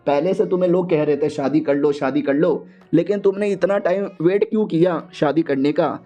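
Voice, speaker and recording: A man's voice: fairly high pitch, normal speed, dark tone, faint music behind, lightly acted. A man voicing a prickly, reluctant young husband who keeps refusing his wife in a manhua recap. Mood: irritated. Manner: irritated, refusing.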